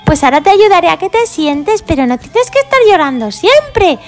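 A woman's voice: very high voice, big pitch swings, moderate pace, faint music behind, pitched above the performer's own voice. Peppa, a woman doing a doting little pig girl. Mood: fussing. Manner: fussy, doting, sighing often. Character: cheerful little girl pig mothering baby dolls.

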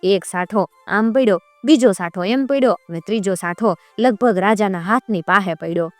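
A woman narrates a folk tale in a measured, rhythmic cadence. Her voice is smooth and mid-pitched, recorded close and dry with soft music beneath. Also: no room sound. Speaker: storyteller.

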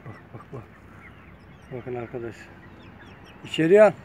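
A man with a mid-range, darkish voice talks casually to his viewers while filming his chickens on a phone camera in an outdoor yard, chatty and coaxing. His intonation is lively and his pace measured, with a little hiss or hum in the vlog audio.

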